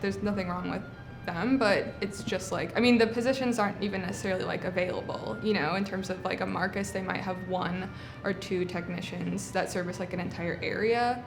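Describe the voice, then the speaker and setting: A woman in her late twenties speaks in a relaxed, casual way, filling her sentences with easy fillers as she answers interview questions. Her voice rings in a reverberant theater space. Music plays underneath. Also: on the low side, vocal fry. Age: 20s. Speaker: technical manager at a cinema. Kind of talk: documentary interview. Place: historic movie theater.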